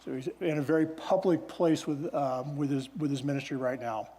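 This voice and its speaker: A man preaching a sermon as pastor, in a relaxed, conversational storytelling way. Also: a little high, normal speed. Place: church sanctuary. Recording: long church hall reverb.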